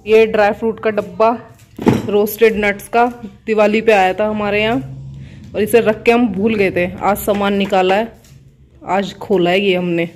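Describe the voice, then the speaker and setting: A woman's voice: medium pitch, fairly even intonation, moderate pace, a little hiss or hum. A woman vlogging casually from her home kitchen, a chatty mother who laughs often and coos playfully at her kids. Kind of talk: casual home vlog chat.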